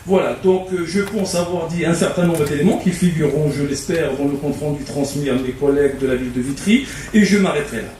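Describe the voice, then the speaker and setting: A man speaking formally at a public debate, halting, with many fillers and restarts. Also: a little high, a little mellow, a little hiss or hum. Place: community hall. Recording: echoey hall from far off.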